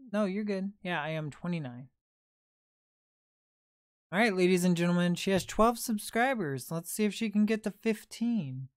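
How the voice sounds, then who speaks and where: Smooth-voiced man chatting on a livestream. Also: high voice, no echo, studio quality. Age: 20s. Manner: chatty, answers viewer comments aloud. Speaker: livestream host and reseller. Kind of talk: casual livestream chat.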